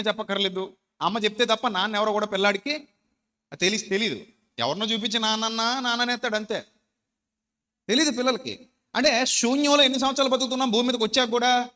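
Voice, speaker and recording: A man's voice: high voice, sharp tone. A man preaching a sermon to a congregation, speaking emphatically and putting rhetorical questions to his listeners. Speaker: pastor. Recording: long hall reverb.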